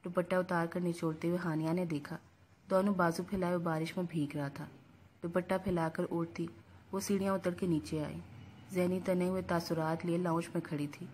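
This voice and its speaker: A woman reading a novel aloud as narrator, with a steady, even storytelling delivery. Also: on the low side, slight background noise.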